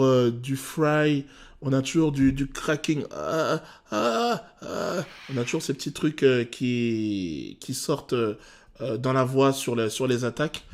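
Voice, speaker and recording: A male vocal coach talks through a song's technique in detail, often pausing on "euh". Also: medium pitch. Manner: technical and animated, many "euh" pauses. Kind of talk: explanatory song analysis.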